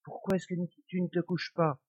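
A man's voice: high voice, level tone, normal speed, breathy edge, voice pushed up. A man voicing a meek, cautious poor husband who speaks mildly. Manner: mild, cautious. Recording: dull lo-fi recording.

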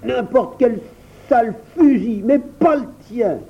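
A man voicing a blustering, frightened man who protests in a shrill, indignant voice. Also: sing-song, normal speed. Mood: outraged. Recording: dull lo-fi recording.

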